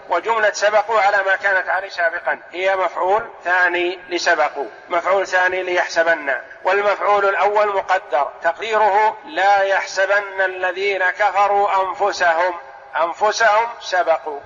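A sheikh gives a methodical religious lesson, asking his own questions and then answering them. His voice sits high for a man and has a sharp, bright edge. It comes through as a dull, lo-fi radio broadcast with long hall reverb. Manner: explanatory, methodical. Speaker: sheikh teaching Quran commentary.

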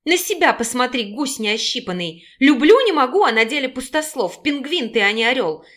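Storybook heroine: young, fiery, sarcastic and sharp-tongued , read by a woman. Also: fairly high pitch, lively intonation, unhurried. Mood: raging. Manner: sarcastic, yelling.

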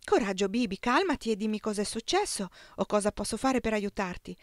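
A woman's voice: medium pitch, animated, brisk, no echo, studio quality, natural voice. A woman reading an audiobook, voicing Anna, a widowed governess who speaks firmly and earnestly. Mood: urgent.

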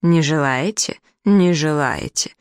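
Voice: medium pitch, slow pace, clean tone, dry recording, clean studio sound, natural voice. A reader voicing an agitated elderly male Egyptologist who is obsessed with his mummy. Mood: accusing. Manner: excited, accusing, dwells on his mummy.

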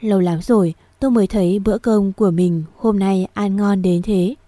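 Female audiobook narrator, steady gentle delivery, warm tone, dry close recording. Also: mid-range voice, normal speed, dry recording. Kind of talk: scripted first-person story narration.

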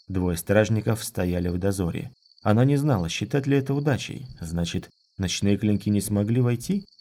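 A man narrating a fantasy audiobook in a measured, even reading. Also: on the low side. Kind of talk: scripted narration.

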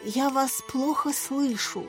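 A woman voicing a caring, anxious young woman teacher in an audiobook, speaking softly and with worry. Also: mid-range voice, measured pace, soft background music, natural voice. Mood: weak. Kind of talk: audiobook character voice.

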